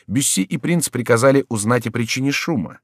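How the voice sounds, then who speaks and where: A man reading an adventure novel aloud as an audiobook narrator, raising his voice to act out the characters' shouted lines. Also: mid-range voice, animated, fairly quick, slightly rough, no echo, studio quality. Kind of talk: audiobook reading with acted dialogue.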